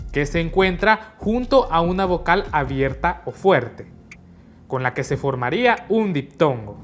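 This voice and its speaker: A woman narrating a scripted lesson, explaining each point slowly and carefully. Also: fairly low pitch. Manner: slow, carefully spelled-out teaching. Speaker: teacher. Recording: soft background music.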